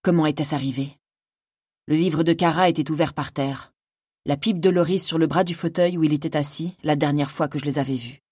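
Low-voiced woman reading a fantasy audiobook. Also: steady tone, fairly quick, a little mellow, slightly rough, no room sound, clean studio sound. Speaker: audiobook narrator. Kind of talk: scripted first-person fantasy narration.

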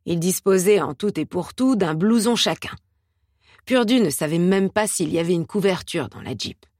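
Woman narrator, audiobook, measured steady reading, lowish voice, dry close recording. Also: no echo.

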